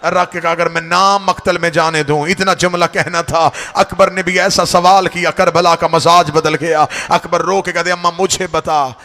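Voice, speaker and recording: A man's voice: on the high side, level tone, moderate pace, few pauses, bright, forceful tone. A man, a cleric, recites a mourning sermon as impassioned, wailing storytelling that swells into cries at a mourning gathering. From Pakistan.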